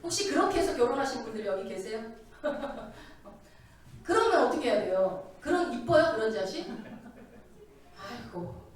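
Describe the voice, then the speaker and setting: Woman preacher, high and lively delivery, animated and questioning, booming church reverb, off-mic. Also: normal speed, pauses often. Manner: animated, asks the congregation many questions. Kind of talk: sermon. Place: church sanctuary. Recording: very echoey hall, voice from a distance.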